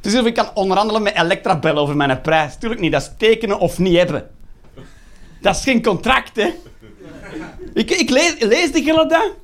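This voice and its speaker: Flemish man, thirties, high-pitched, stand-up comic, sarcastic, swearing rant. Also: lively intonation, fairly quick, fairly bright tone. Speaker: stand-up comedian.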